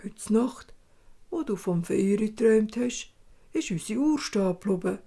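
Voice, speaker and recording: Old grey-bearded dwarf, put on by a Swiss German woman, hushed, polite, a little whispery. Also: medium pitch, expressive, measured pace, vocal fry. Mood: earnest.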